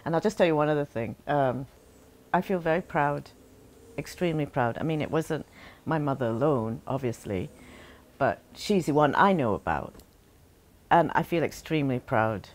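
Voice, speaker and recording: A Barbadian woman in an interview, talking in a halting, heartfelt way with many pauses and restarts. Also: deep voice, animated. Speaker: interviewee, daughter remembering her late mother. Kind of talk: reflective interview talk.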